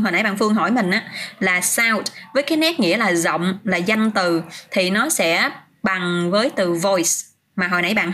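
A woman's voice: medium pitch, a bit bright, slight background noise. A woman teaching English vocabulary on a casual livestream, chatting, answering viewers' comments by name and often restarting her sentences.

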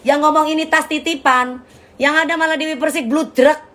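A woman's voice: high-pitched, fairly even intonation, fairly quick, a bit bright. A middle-aged woman hosting a casual live stream, brash and trash-talking, calling her viewers darling. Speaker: live-stream host selling bags.

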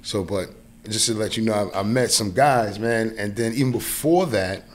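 His voice sits on the low side and moves at normal speed. He is a man in his forties from New York, United States, whose New York accent comes through as he casually shares a personal story as a podcast guest, often checking in with the listener. He's on a close boom-arm podcast mic in a small indoor studio.

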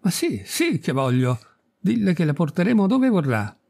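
A man's voice: mid-range voice, huge pitch swings, very slow, mellow, husky, exaggerated voice. A man reading a stammering, nervous young man. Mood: flustered. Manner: stammering and agitated.

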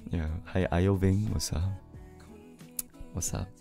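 Young guy from korea on a livestream, really low voice, hoarse, laid-back and reading chat with soft music behind. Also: steady tone, slow. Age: 20s. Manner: laid-back, greets viewers one by one, laughs often. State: hoarse from singing too loud. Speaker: live streamer. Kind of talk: casual live stream chat, reading viewer messages aloud. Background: his favorite song playing softly.

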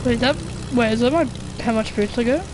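A woman's voice: on the high side, a little fast, noisy background. A young woman chatting casually and swearing freely while she plays a game, mocking her own skill. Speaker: gamer. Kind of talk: casual gameplay commentary.

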